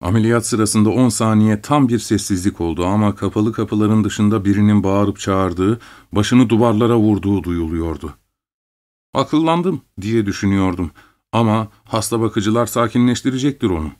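A man narrating a story in the first person with a measured, dramatic reading. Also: lowish voice, darkish tone. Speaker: audiobook reader.

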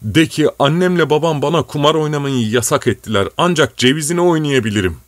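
A man's voice: mid-range voice, animated, normal speed, no room sound, pitched above the performer's own voice, lightly acted. A man voicing a devoted old male servant who scolds, frets and pleads tearfully. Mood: tearful lament. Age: older. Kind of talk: audiobook character voice.

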